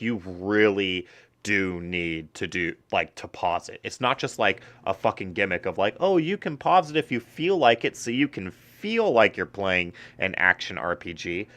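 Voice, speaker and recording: Man, low voice, casual gaming chat, swears a lot, rambling. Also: a bit bright. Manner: casual and profane, rambling with fillers. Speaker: gaming streamer.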